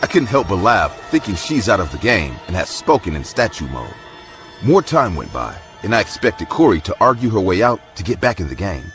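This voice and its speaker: Brief: male horror narrator, measured and dramatic, animated delivery with music under it. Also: sits low. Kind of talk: scripted horror story narration. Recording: narration over loud music.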